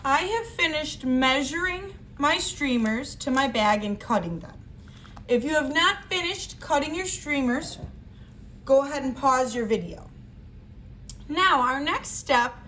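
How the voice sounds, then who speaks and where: A high-voiced woman, speaking as a teacher, talks straight to young children and walks them through a simple craft one step at a time. Clear noise sits behind her, and the rough recording sounds a little bright.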